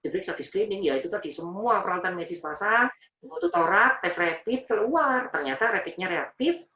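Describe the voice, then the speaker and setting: Fast-talking Javanese-accented male preacher, echoey room. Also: sits high, recorded from a distance, highs cut off. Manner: emotional, animated storytelling, mixing in Javanese words. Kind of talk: personal story in a religious talk.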